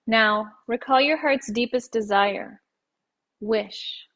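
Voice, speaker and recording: Her voice slightly high, a woman guides a yoga nidra meditation in an unhurried, soothing manner, allowing her phrases to close softly.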